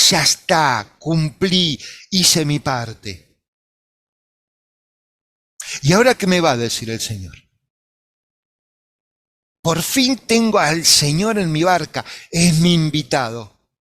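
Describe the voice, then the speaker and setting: A man's voice: a little high, lively intonation, takes it slowly, pauses often, fairly bright tone, exaggerated voice. A man preacher voicing the apostle Peter as a proud, self-sure grown fisherman who boasts about his trade. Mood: eager.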